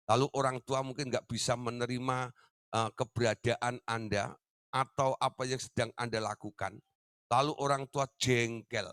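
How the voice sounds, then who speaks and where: A man's voice: mid-range voice, a bit bright, dry recording, studio quality. A man preaching a teaching sermon, talking directly to his listeners and often tagging his sentences with "ya". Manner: addresses listeners as "Saudara", tag-question fillers.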